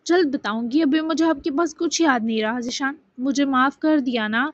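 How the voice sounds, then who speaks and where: A woman's voice: high-pitched, dry recording, close to an everyday voice. A woman voicing a shy, sweet young woman in a bashful, pleading manner. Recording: dull dry lo-fi sound.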